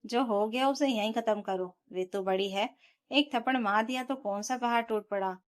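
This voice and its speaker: A woman's voice: a little high, moderate pace, lightly acted. Curt, partial older mother-in-law who waves trouble away, read by a woman storyteller. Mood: dismissive. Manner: curt, dismissive.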